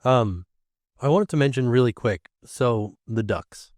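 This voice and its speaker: A man hosting a podcast in relaxed casual chat, steering the conversation with prompts. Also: mid-range voice, a little slow, no echo, clean studio sound. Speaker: podcast host.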